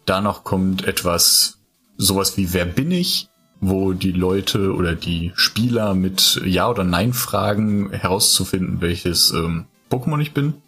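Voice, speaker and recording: A man's voice: low-pitched, expressive, measured pace, a bit bright, husky, faint music behind. A man co-hosting a casual podcast chat, telling long rambling stories and explaining the show's quiz with eager energy. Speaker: podcast co-host.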